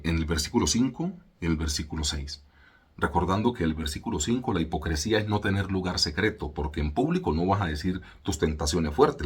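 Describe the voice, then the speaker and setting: A Colombian man preaching a relaxed, conversational sermon to his congregation. His voice sits low and slightly husky, and he talks in everyday slang, now and then slowing right down to stress a point. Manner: laid-back, colloquial, mimics voices, slows for emphasis. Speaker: church leader. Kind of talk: casual sermon teaching.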